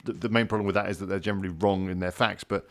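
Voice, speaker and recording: A man's voice: deep voice, steady tone, rapid-fire. A man hosting a casual livestream group call in an easygoing, conversational way. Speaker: livestream host.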